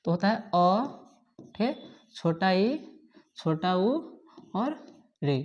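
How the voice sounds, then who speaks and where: A woman teaching a grammar lesson, dictating notes slowly and repeating each point with frequent checking fillers. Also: fairly low pitch, animated, a little mellow, highs cut off.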